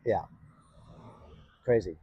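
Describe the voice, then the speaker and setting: A man's voice: drawn-out words, warm tone, no room sound, dull audio. Rambling man, dry close sound. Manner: rambling, hesitant with many fillers and restarts. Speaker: podcast host. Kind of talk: casual vlog talk to camera.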